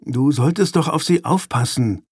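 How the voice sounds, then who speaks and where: A man's voice: fairly high pitch, moderate pace, darkish tone, slightly rough, no room sound. A man voicing a bold eleven-year-old boy, the older brother, with a firm, scolding manner.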